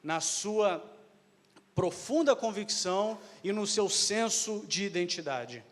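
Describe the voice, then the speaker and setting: A man's voice: sits high, animated, takes it slowly. A man interpreting a sermon live, hesitant, with fillers and self-corrections. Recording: echoey hall with long reverb.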